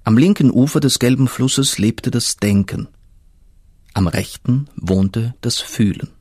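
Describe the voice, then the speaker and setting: A man narrating a fairy tale in a slow, measured storytelling manner with a husky voice. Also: medium pitch, a little mellow, no echo, studio quality.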